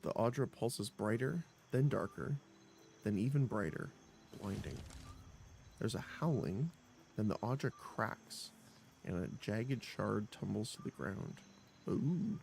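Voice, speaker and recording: Gravelly man narrating game text. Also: on the low side, slow pace, a little hiss or hum. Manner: expressive narration broken by laughs and small exclamations. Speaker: streamer playing a role-playing game. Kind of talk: reading game text aloud with live reactions. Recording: voice over game music.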